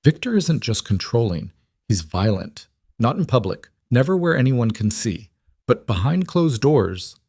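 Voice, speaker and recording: A man's voice: mid-range voice, sing-song, a little slow, vocal fry, darkish tone, husky, no room sound, clean studio sound, full character voice. A man voicing a guarded, brittle frontier woman.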